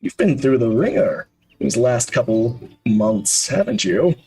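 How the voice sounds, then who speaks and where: A man voicing a kindly older man who is secretly a lizard-like creature, speaking in a calm, soothing tone. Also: medium pitch, a little slow, slightly rough, faint music behind, heavily acted, low-quality recording. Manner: calm, soothing and mildly teasing.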